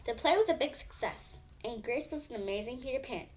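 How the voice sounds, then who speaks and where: A woman's voice: fairly high pitch, expressive, a little fast, slight background noise. A female reader telling a children's bedtime story expressively, with emphatic phrasing.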